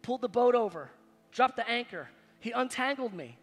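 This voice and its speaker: A man in his forties preaching a sermon as pastor, animated, swinging between loud high bursts and quiet low asides. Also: normal speed. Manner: animated, preaching with big swings in loudness and pitch. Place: large stage in a church hall. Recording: long hall reverb, faint music behind.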